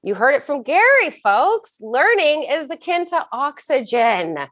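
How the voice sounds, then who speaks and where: A woman's voice: sits high, very animated, measured pace, a bit bright, no echo. Upbeat woman hosting a podcast, dry sound. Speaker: podcast host. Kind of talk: podcast interview.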